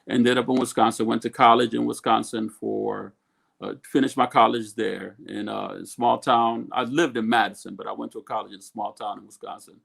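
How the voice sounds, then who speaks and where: Middle-aged guy from ethiopia, gravelly voice, rambles w/ lots of uhs and restarts, avg pitch. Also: steady tone, a little fast, fairly bright tone. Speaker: guest, food company co-owner. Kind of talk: casual interview talk.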